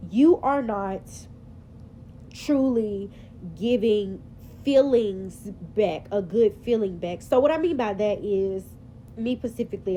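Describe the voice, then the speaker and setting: Chatty woman with a mellow voice. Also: medium pitch, slight background noise, rough recording. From Memphis, Tennessee, US. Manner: chatty, sassy, rambling with fillers. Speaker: vlogger. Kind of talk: casual confessional vlog. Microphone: phone camera.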